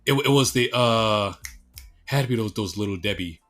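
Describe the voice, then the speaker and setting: Bright-toned, halting podcast co-host. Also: male voice, on the low side, faint music behind. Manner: halting, repeats words, agreeable. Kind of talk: casual chat.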